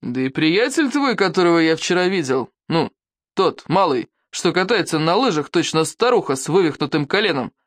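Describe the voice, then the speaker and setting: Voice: mid-range voice, very animated, moderate pace, no room sound, clean studio sound, natural voice. A reader voicing a hot-tempered, boastful Viking chief in an audiobook, roaring and then forcing himself to be patient. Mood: grumbling. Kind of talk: audiobook character voice.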